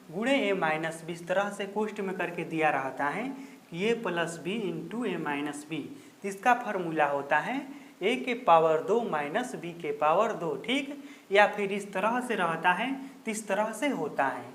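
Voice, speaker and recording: A man's voice: sits high, fairly bright tone. A man teaching a math lesson step by step, patient and repetitive, often pointing the listener back to the board. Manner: patient, repetitive, keeps saying "look here". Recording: roomy echo.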